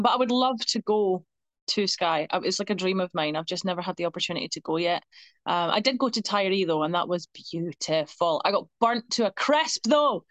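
A young Scottish woman chatting as a podcast guest, telling stories in an animated way and laughing often. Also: a little high, no echo. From Scotland. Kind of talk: casual chat.

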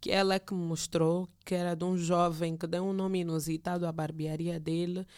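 A woman's voice: lowish voice, little pitch movement, a little fast, a little mellow. A woman, talking casually and expressively as a podcast guest, telling stories and acting out what people said. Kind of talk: casual conversational storytelling.

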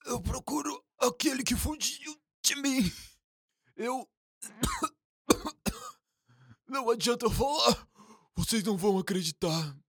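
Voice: medium pitch, slow pace, creaky, long pauses, fairly bright tone, breathy edge, no room sound, exaggerated voice. A weak, desperate man rescued from the ice, played by an actor in a radio drama. The sound is close and dry. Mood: weak, despairing.

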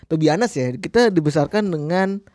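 A man's voice: a little high, a little fast, darkish tone, no echo, clean studio sound. A man co-hosting a casual podcast, joking and slipping in English phrases. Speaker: podcast co-host. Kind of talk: casual chat.

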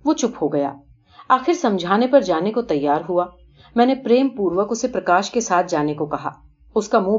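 Woman reading a story aloud, lo-fi. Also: mid-range voice. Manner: measured, expressive reading. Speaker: narrator. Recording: dull lo-fi recording.

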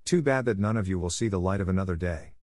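A man's voice: low voice, quick pace, darkish tone, dry recording, close to an everyday voice. A man reading aloud and voicing a cruel, mocking female spider queen in a storybook tale. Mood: menacing. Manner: taunting, haughty.

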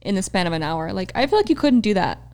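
A woman's voice: mid-range voice, very animated, fast, a little mellow. A woman co-hosting a podcast, chatting casually with dry, wry asides. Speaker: podcast co-host. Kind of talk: casual chat.

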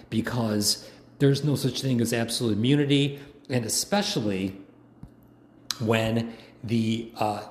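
A hoarse man giving a rambling, indignant political monologue, full of ums and uhs. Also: mid-range voice. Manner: rambling, indignant ranting with many fillers. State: hoarse from long talking. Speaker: political commentator. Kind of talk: casual monologue. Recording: echoey room, faint background noise.

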